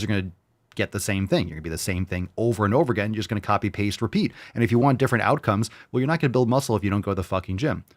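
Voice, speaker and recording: A man's voice: sits low, dry recording. A man in his forties hosting a fitness show, talking bluntly and swearing as he pushes viewers to work out. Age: 40s. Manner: blunt, profane, pushy motivator. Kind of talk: motivational livestream talk, reading viewer comments.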